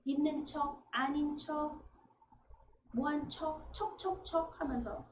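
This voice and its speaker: A woman preacher giving a conversational sermon, acting out everyday dialogue with sudden lively bursts. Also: high-pitched, takes it slowly. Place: church sanctuary. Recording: echoey room, dull lo-fi sound, faint noise.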